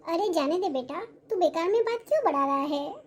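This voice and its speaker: A woman voicing a gentle, patient older mother-in-law in a cartoon-style family drama, speaking in a soothing, placating way. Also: very high voice, expressive, fairly quick.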